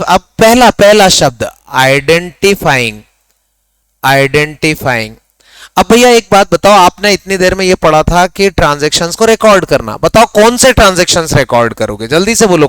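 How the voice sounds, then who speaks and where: A man teaching an accounts class, quizzing his students and mixing Hindi with English terms, and dictating definitions slowly word by word. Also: a little high, a bit bright, clear, resonant tone, dry recording. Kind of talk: classroom lecture.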